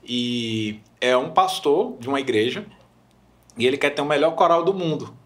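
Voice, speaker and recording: A young Brazilian man talks on a podcast, spinning stories with real enthusiasm. His voice sits at an ordinary middle pitch. He slips into the people he quotes as he goes. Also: moderate pace. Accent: Brazilian Portuguese. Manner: animated storyteller, acts out quoted voices. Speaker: podcast guest, worship minister. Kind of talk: casual podcast chat.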